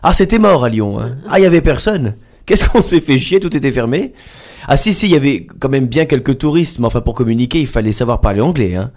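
A man's voice: mid-range voice, animated, quick pace, a little mellow. A man delivering a sarcastic, theatrical comic column in a radio studio. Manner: sarcastic, theatrical, with mock exclamations.

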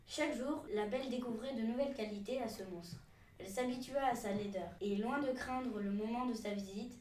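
A woman's voice: mid-range voice, distant mic, slight background noise. Woman reading a fairy tale aloud. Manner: steady, measured reading. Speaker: storyteller. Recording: echoey room, voice from afar.

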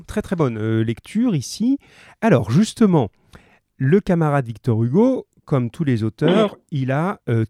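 A man runs a class live on the radio, joking with the pupils who call in and trailing off into fillers and restarts as he explains. His voice is mellow and relaxed, recorded dry and close on a studio microphone. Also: medium pitch, no echo. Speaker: teacher. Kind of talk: remote class on radio, casual and encouraging.

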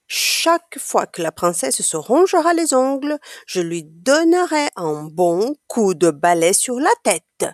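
A smug young male sorcerer, put on by a woman reader, boasts of his plan in a quick, eager rush. His voice sits high and lively, recorded dry and close. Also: dry recording. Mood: boastful.

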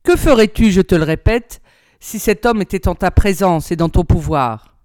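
A woman's voice: fairly low pitch, lively intonation, normal speed, darkish tone, dry recording, studio quality, natural voice. A woman reading a storybook aloud, voicing a cunning, cruel usurper king who taunts a young hero. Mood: scheming. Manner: mocking, scheming. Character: sly cruel usurper king, male, older.

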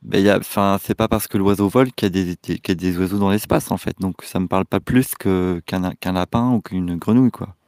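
Deadpan man with a low voice. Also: a little fast, hardly any pauses, no room sound, clean studio sound. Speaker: comedy guest. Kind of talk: comedy sketch.

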